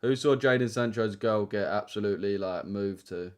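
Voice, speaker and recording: Jeune homme à l'accent de l'Essex, bavard, voix un peu grave. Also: male voice, on the low side, moderate pace. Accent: Essex English. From Essex, England. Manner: slangy, chatty, addresses chat directly. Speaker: trading livestreamer. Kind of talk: casual livestream chat.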